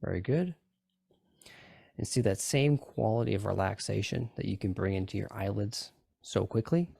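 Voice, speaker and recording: A man's voice: fairly low pitch, normal speed, creaky, dark tone, husky, dry recording, clean studio sound. A man leading a group in guided relaxation, giving coaxing, repetitive instructions and often checking in with short questions. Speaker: group session leader guiding tapping and relaxation.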